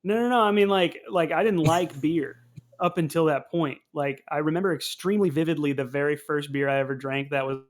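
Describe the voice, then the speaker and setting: A man's voice: fairly high pitch, a little fast, hardly any pauses. A man in his twenties, a podcast co-host, telling stories animatedly and laughing often in casual chat.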